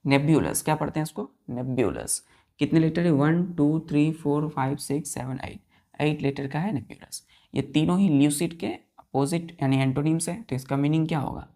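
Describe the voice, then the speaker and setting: A woman's voice: low-pitched, normal speed, warm tone. A woman teacher giving a vocabulary lesson, spelling words letter by letter, counting the letters aloud and asking her students questions over and over. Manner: asks the class repeated questions.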